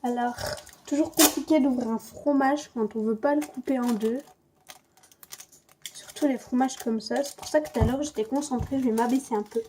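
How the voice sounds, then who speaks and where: Speaking at an ordinary speed, this young cooking vlogger has a slightly high voice and fairly even intonation as she runs a casual, playful demo in her kitchen. She talks to the viewer and to herself, and a camera mic on a stand catches some background noise.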